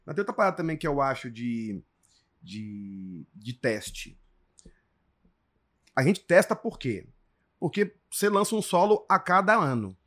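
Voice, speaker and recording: A Brazilian man in his forties, a stand-up comedian in casual chat, animated and acting out quoted voices. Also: a little slow, pauses often. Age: 40s. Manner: animated, acts out quoted voices with big pitch jumps.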